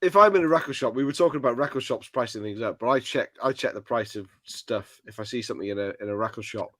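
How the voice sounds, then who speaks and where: A man's voice: mid-range voice, fast, sharp tone, no room sound. A man co-hosting a casual livestream, joking and laughing often as he talks. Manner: laughs often, jokey interruptions. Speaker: co-host.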